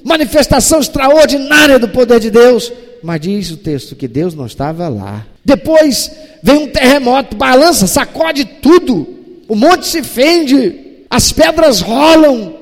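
A man with a high voice delivers a sermon, dramatic and animated, acting out the scenes he describes. His voice rings through an echoey church hall with a long reverb. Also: unhurried. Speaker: pastor.

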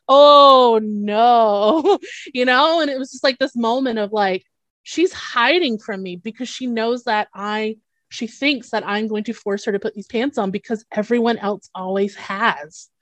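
A woman's voice: a little high, moderate pace, no room sound. A woman, a children's therapist, telling stories in a casual conversation, acting out the quotes and speaking frankly and informally. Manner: animated storytelling with acted-out quotes. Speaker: guest, children's behavior therapist.

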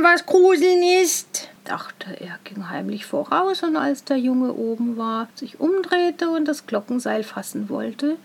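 A woman narrating a fairy tale in a hushed voice, often dropping to a whisper. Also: sits high, vocal fry, slightly rough. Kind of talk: storybook reading.

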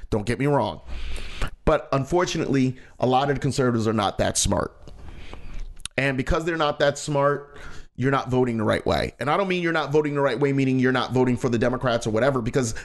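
A man from the United States hosting a casual talk show, speaking bluntly and expressively and swearing freely. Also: mid-range voice. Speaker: podcast host.

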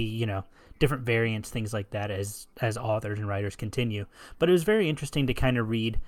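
A man's voice: fairly low pitch, dry recording. A man co-hosting a casual comics podcast, rambling along with plenty of ums and "you know"s. His voice is recorded dry and close, with no room sound around it. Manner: rambling, many fillers and restarts. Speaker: podcast co-host. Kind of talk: casual chat.

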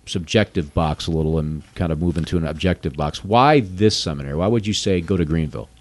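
Guy with a fairly low voice asking long careful questions, dry sound. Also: darkish tone, no echo. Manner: measured, thinks aloud in long qualified sentences. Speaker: interviewer. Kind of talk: conversational interview.

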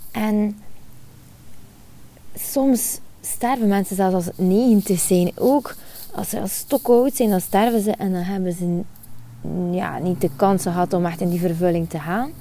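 A woman's voice: mid-range voice, measured pace, mellow, a little hiss or hum. A woman, hosting a spiritual podcast monologue outdoors in the sun, earnest and repeating her phrases. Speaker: podcast host.

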